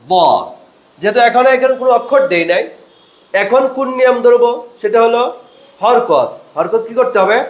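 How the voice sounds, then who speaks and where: A man's voice: sits high, reverberant. A man teaching Quran reading step by step, asking questions and answering them himself. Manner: slow, asks and answers own questions. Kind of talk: step-by-step spelling lesson.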